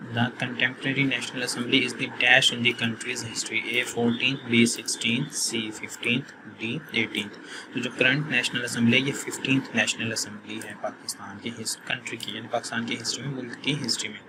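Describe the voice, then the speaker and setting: A man, a quiz tutor who reads questions slowly and then explains the answers in a plain conversational tone. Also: mid-range voice, flat delivery, noisy background. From Pakistan.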